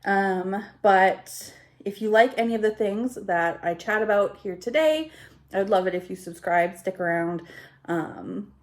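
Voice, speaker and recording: This YouTube vlogger speaks slowly in a medium-pitched voice, a bit stuffed up, chatting to the camera indoors in her kitchen. Her talk wanders, full of asides and jokes at her own expense.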